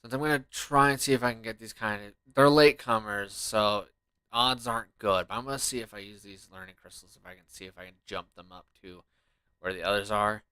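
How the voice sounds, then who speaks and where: A man's voice: lowish voice, fairly quick, pushed and bright, smooth, dry recording. Guy doing laid back game commentary, kinda grumbly and sweary, really dry close sound. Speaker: gamer playing and commenting on a game. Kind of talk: casual gameplay commentary.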